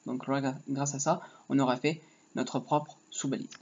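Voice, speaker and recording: A man's voice: medium pitch, steady tone, measured pace. A man giving a casual screen-recorded coding lesson, rambling and joking to himself while he types. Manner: rambling, joking asides, talks while typing. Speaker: HTML tutorial teacher. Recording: dull lo-fi mic with faint noise. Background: keyboard typing.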